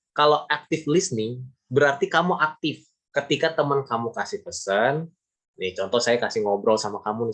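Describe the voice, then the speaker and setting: A man's voice: medium pitch, a bit bright. A male teacher giving a casual classroom lesson, talking chattily and repeating points with emphasis. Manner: chatty, repetitive, emphatic, gives everyday examples.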